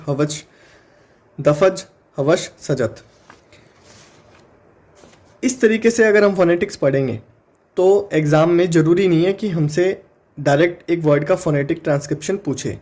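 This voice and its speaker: Indian man, exam-prep tutor, higher-pitched voice, patient step-by-step explainer. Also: a little mellow. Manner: explains step by step, sounds words out slowly. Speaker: teacher.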